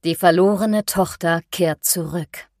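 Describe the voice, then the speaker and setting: Low-voiced woman narrating a dark tale. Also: steady tone, unhurried, no echo, studio quality. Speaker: audiobook narrator. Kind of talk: scripted narration.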